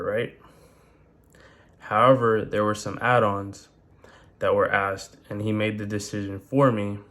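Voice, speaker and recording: Young male vlogger, low-pitched, casual and slangy, lots of "like" and "you know". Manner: rambling, filler-heavy, slangy, animated. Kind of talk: casual talk to camera.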